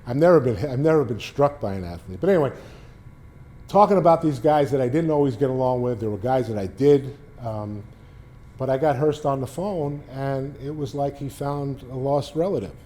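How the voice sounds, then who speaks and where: Rambling older man, mellow Boston storyteller. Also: mid-range voice, normal speed. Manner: rambling anecdotes with frequent restarts and fillers. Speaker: guest speaker, former sports beat writer. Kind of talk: casual storytelling talk to a library audience. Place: public library talk.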